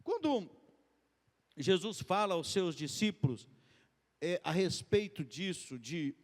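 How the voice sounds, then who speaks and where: A man preaching to his congregation in a loose, conversational way, often lifting his voice and quickening. His voice sits fairly high for a man. The sound carries a long hall reverb from the church room. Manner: conversational, addresses the congregation as "queridos" and "gente"; lively, often rises in pitch and speeds up. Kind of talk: sermon.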